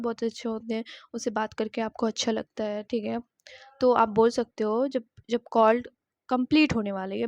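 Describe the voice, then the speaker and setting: A young woman explains everyday English phrases in a friendly, chatty way. Her voice sits a little high and is recorded dry and close. She says each English line slowly and clearly so students can repeat it. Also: a little mellow, dry recording. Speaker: spoken English teacher. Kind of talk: teaching spoken English phrases.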